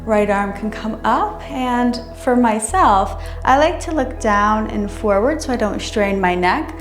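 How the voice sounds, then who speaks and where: Female yoga instructor, slightly high voice, careful and unhurried guidance, roomy sound. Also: animated. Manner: careful, unhurried, measured delivery. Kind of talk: guided chair yoga instruction. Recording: roomy echo, music underneath. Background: music.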